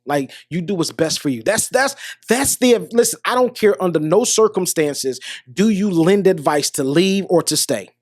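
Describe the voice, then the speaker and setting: A man's voice: sits high, expressive, moderate pace, no echo, clean studio sound. An American man hosting a podcast, talking through relationship advice in an earnest, repetitive motivational monologue. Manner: earnest, repeats himself, restarts phrases. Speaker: podcast host.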